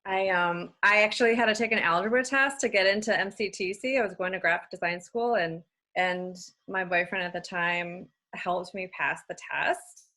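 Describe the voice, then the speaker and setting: A woman reading her own poems at an open mic in a measured, unhurried way, with brief casual introductions. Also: lowish voice, pushed and bright. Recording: virtual event audio.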